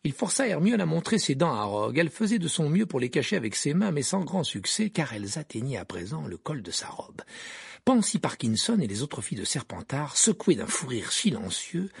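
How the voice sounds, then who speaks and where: A man narrating an audiobook in an expressive storytelling manner, with a raspy voice. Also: mid-range voice, moderate pace, dry recording, studio quality. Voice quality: raspy, gravelly. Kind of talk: audiobook reading of a novel.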